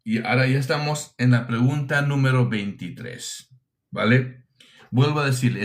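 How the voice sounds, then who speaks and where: Delivering an emphatic teaching sermon, a man with a medium-pitched voice keeps posing rhetorical questions and repeating his phrases.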